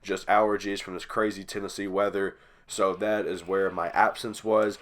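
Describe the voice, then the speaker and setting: Man, stuffy nose, lowish voice, wrestling game commentary, hype play-by-play calls. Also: little pitch movement, normal speed. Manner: hype play-by-play caller, rising loud on big moves. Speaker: channel host.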